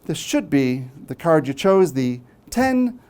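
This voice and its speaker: On a small theatre stage before a live audience, a man performs as a magician, delivering patter that playfully teases volunteers and often ends with tag questions. His slightly high, a little mellow voice is very animated, though he takes it slowly.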